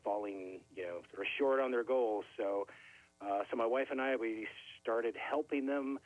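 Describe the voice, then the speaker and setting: A middle-aged man from Canada calling in over a tinny, phone-like line that sounds dry and close. He talks casually and warmly, stringing his thoughts together with plenty of fillers. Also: mid-range voice, moderate pace, no echo. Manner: friendly, many fillers. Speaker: guest, record label owner. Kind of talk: casual interview talk.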